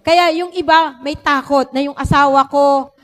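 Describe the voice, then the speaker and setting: High-voiced woman teaching at church, lively, acts out little quotes, long hall echo. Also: measured pace. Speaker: church speaker.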